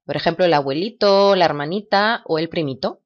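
Low-voiced woman teaching English. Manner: patient, repeats words slowly for imitation. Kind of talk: video lesson, explaining and drilling words. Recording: dull lo-fi recording.

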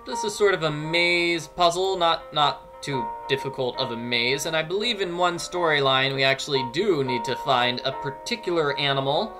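Gamer commentary from a man with a fairly high voice, delivered at a moderate pace with hardly any pauses. He rambles playfully through his let's play, tossing in mock-dramatic asides over game music.

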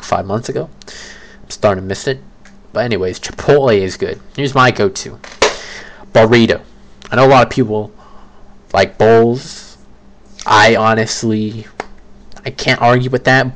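A young man with a lowish voice talks casually and rambles, stopping to correct himself as he goes. His delivery is loose and chatty, like someone thinking out loud for his viewers. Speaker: creator ranking fast food. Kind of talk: casual solo commentary.

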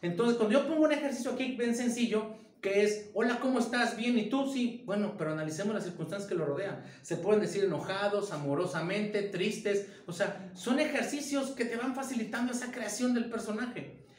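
A man's voice: high voice, brisk, echoey room. A man, a theater director teaching an informal acting lesson and firing off many rhetorical questions.

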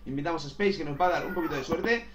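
Young-sounding male gaming host, fairly high voice, hyped and profane, echoey room. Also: racing, over a noisy crowd. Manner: excitable, swears, says "tío" constantly. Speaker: gaming youtuber. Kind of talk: casual gameplay commentary.

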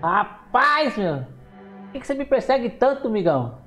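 A man with a Brazilian accent giving excitable commentary on a horror game, exclaiming and talking back to the characters on screen. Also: extremely high pitch, moderate pace, faint music behind, poor audio. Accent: Brazilian Portuguese. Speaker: gameplay streamer.

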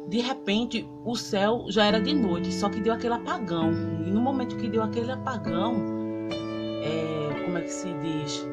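A Brazilian woman recording on her phone, emotionally recounting a dream in rambling casual speech full of fillers. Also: medium pitch. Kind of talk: casual spoken testimony. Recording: loud guitar music behind the voice.

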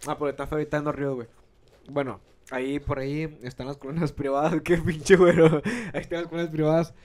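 A Mexican podcast host in his 20s chats casually and jokes, laughing often, in a fairly high, flat voice with a darkish tone and fast pace. He sits on a couch in a small room, recorded close on a handheld microphone.

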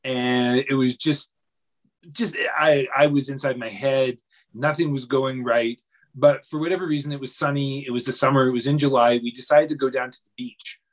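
A man, a dreamwork coach, telling a long personal story in a relaxed interview, with many pauses, restarts and fillers. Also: medium pitch. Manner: hesitant, many restarts and fillers, self-deprecating.

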